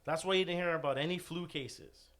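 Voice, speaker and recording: A man's voice: a little high, brisk, fairly bright tone. Rambling guy telling a sick story. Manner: rambling, loose storytelling with lots of "dude". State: recovering from covid, still short of breath. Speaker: guest. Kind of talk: casual podcast chat.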